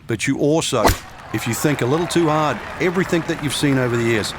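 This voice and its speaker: A man's voice: medium pitch, fast. A man explaining golf shots as a broadcast analyst, speaking directly to the listener. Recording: noisy outdoor ambience.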